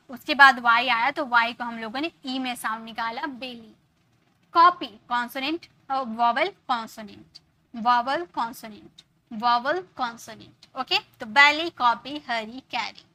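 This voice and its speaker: Bright, high-voiced woman teaching English. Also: normal speed. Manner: explains step by step, repeats example words, checks in with "ok". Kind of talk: online grammar lesson.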